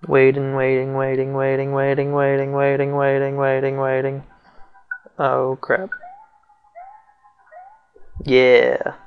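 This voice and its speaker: Speaking slowly and pausing often, a young let's play commentator delivers casual game commentary in a mid-range voice that's completely flat. The sound is phone quality with slight background noise and faint game music. He's wry and self-mocking, muttering asides, and his voice seems off, as if he might be getting sick.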